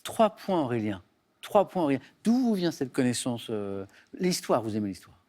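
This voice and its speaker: A man hosting a television quiz show from a studio, reading out questions briskly and chatting with contestants. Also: mid-range voice, very animated, mellow. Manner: brisk, reads questions crisply.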